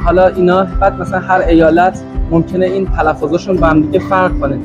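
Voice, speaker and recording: A man hosting an interview podcast with a high voice. He poses his questions with frequent hesitant fillers, and music plays in the background. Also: steady tone, highs cut off. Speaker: podcast host.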